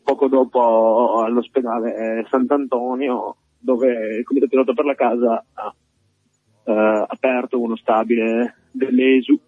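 A man reporting live from the scene over the phone, speaking earnestly with halting pauses. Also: mid-range voice, little pitch movement, breathy edge, no room sound. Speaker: field reporter. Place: on location outside an occupied building. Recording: dull lo-fi phone line.

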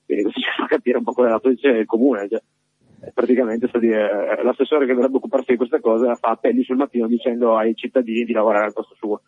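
A man's voice: mid-range voice, steady tone, quick pace, slightly rough, no room sound. A man calling in a live field report over the phone, earnest and hesitant with many fillers. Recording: dull lo-fi phone line.

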